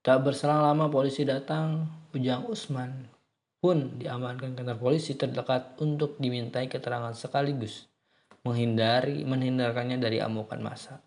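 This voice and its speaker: A man's voice: mid-range voice, fairly even intonation, normal speed, a little mellow. A man narrating a horror story in a casual way, breaking off with chatty asides to his listeners.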